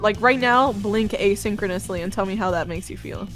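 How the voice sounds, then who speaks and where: A woman talks in a loose, rambling way during a gaming stream, animated and quick to swear. Her voice sits mid-range, with faint music under her. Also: medium pitch. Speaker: friend co-hosting the stream. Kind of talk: casual chat.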